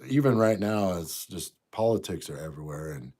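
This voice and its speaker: He's a congested man in his 50s with a low, lively voice, chatting on a livestream at a normal speed. Easygoing and rambling, he responds to viewers' comments and lets his words trail off softly.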